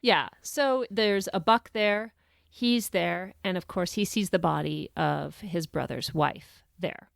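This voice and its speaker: A woman's voice: on the low side, slow, vocal fry, no room sound, studio quality. A woman co-hosting a podcast, talking through a short story in a thoughtful, casual way and reading quotes aloud. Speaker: podcast co-host. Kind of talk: casual book discussion.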